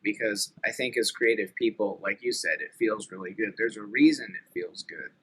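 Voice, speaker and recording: A man's voice: lowish voice, normal speed, a bit bright, a little hiss or hum, rough recording. A man in his late thirties talking earnestly and thoughtfully in a casual podcast conversation, with many fillers. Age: late 30s.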